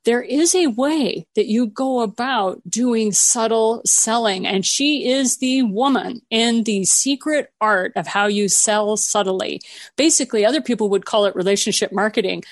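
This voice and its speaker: A woman's voice: a little high, no echo. Woman interview host, velvet voice, soothing, radio-trained delivery, dry sound. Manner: long-time radio presenter's delivery. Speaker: podcast host. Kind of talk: hosting an interview show.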